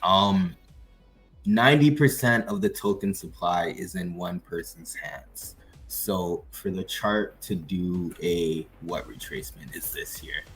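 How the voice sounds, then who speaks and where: A man's voice: low voice, slow, fairly bright tone, soft background music, rough recording. A man co-hosting a casual chat over a video call, rambling with fillers and laughs. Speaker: co-host.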